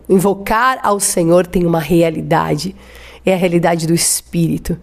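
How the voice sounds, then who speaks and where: Fervent woman preacher with a Brazilian accent, sermon to the congregation, emphatic drawn-out words. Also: on the low side, darkish tone. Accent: Brazilian Portuguese. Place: church.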